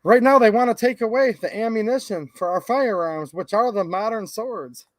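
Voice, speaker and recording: Speaking at a moderate pace in a high voice, a man hosts a live stream from his home recording studio. The dry recording captures him reading viewer comments and chatting with them casually, passionately, and in a folksy, direct manner.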